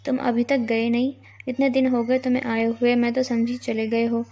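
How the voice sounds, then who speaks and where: Woman reading as a curt young woman, annoyed, dark mellow tone, muffled audio. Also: on the high side, level tone. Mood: irritated. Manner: curt, irritated. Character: sharp-tongued young woman, irritated and thoughtful. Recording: dull lo-fi recording.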